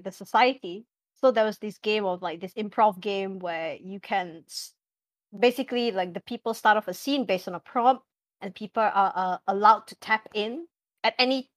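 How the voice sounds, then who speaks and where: A woman's voice: medium pitch, no echo. A young woman chatting casually as a podcast guest about running tabletop games, talking loosely with many fillers and frequent laughter. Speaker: podcast guest, game master.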